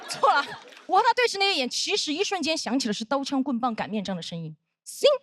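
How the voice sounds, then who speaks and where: A woman in her thirties performing a stand-up comedy set on stage, telling stories with animated acted-out voices. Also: sits high, fast, background noise. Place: comedy stage with live audience.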